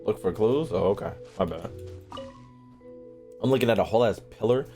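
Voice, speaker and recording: A game streamer gives casual live commentary on his gameplay, informal and profane, sometimes reading on-screen text aloud. His voice is fairly low, fairly quick and mellow, with game music playing behind it.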